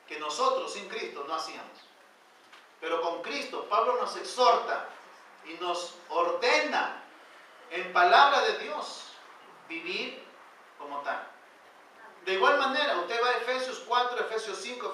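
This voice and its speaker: A male pastor preaching a sermon in a church, pushing phrases up loud and then sinking them to a near hush. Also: sits high, a little hiss or hum. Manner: emphatic preaching, rising loud then dropping quiet. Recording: very echoey church hall, voice from far off.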